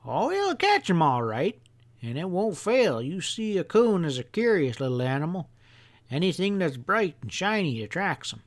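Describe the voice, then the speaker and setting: Pitched above his own natural voice, a man plays a mischievous, folksy old country grandfather in an audiobook story, explaining things earnestly and instructively with emphasis. His voice sits high with big pitch swings, at a normal speed.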